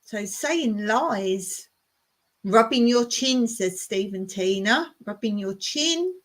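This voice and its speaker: A woman's voice: on the high side, lively intonation, slow. A woman hosting a casual livestream from home, playing a word game with viewers. She muses aloud, reads out their comments and chuckles often. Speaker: livestream host. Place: home in rural Cyprus.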